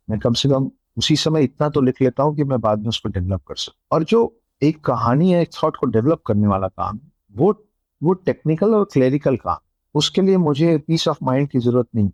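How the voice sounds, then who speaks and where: A man being interviewed as an author, giving earnest, measured advice in reflective talk. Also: mid-range voice, animated, darkish tone, no echo. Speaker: author guest. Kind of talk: reflective interview talk, mixing Hindi and English.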